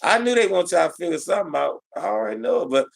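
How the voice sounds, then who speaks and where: A man's voice: high-pitched, lively intonation, rapid-fire, gravelly. Emphatic slangy man in sports chat. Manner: emphatic, preachy asides, slangy. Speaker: co-host. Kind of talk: casual sports talk.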